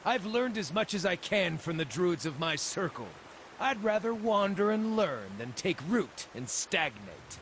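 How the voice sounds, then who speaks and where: A man's voice: sits high, very animated, measured pace, fairly bright tone, a little hiss or hum, full character voice. An actor voicing a cheerful, wry wandering male druid in a fantasy video game. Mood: wry friendly.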